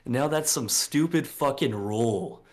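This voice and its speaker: A man's voice: mid-range voice, normal speed. A man in his late twenties co-hosting a podcast in casual chat, blunt and preachy, swearing freely, with lots of fillers. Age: late 20s. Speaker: podcast co-host.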